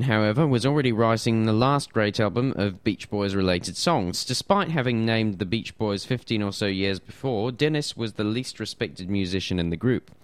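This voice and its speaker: A man's voice: fairly low pitch, no room sound. A man presenting music on radio, reading notes casually with self-deprecating asides and stumbles over names.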